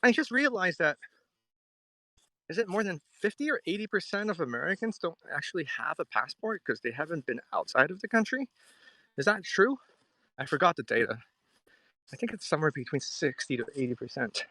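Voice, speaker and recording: Outdoors by a river, a man from Hong Kong talks loosely to his stream audience, thinking aloud as he reads comments and responds. He speaks briskly in a fairly high, sing-song voice that is bright and forward, with frequent fry. There's almost no echo, so the recording sounds dry.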